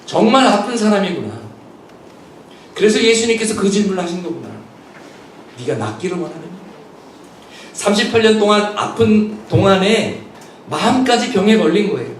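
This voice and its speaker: A man's voice: high-pitched, animated, fairly quick, slight background noise. A man preaching a Sunday sermon as pastor, earnestly acting out the questions and voices he quotes. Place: church sanctuary. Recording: echoey church hall picked up from a distance.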